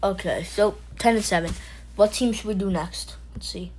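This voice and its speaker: A woman with a mid-range, darkish voice speaks at normal speed while hosting a casual livestream, over slight background noise and poor audio. Playful and jokey, she rambles loosely with frequent fillers and restarts, and calls out to viewers in chat by name.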